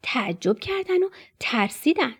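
Husky, lively woman reading a storybook. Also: sits high. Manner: expressive, dips into whispers for suspense. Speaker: narrator. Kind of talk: children's storybook narration.

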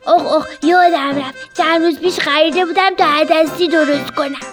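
A woman voicing a messy, flustered young storybook character, whiny and hurried. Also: high-pitched, steady tone, music in the background, voice pushed up, lightly acted. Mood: sheepish.

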